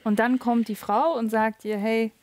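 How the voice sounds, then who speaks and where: A woman interviewing a guest, giving short encouraging responses and asking gentle follow-up questions. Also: a little high, fairly even intonation, normal speed. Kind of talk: conversational interview.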